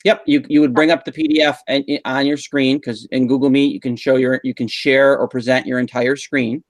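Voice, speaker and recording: A man's voice: mid-range voice, flat delivery, fairly quick, no echo. A man running a live online training session for teachers, patiently explaining tools with frequent um fillers. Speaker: instructional technology trainer. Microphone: video call mic.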